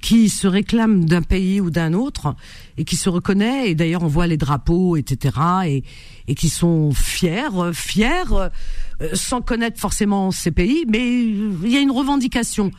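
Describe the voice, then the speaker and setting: A man's voice: high voice, lively intonation, measured pace, a little mellow, no echo. A middle-aged man in a casual discussion, speaking hesitantly and thoughtfully with frequent fillers.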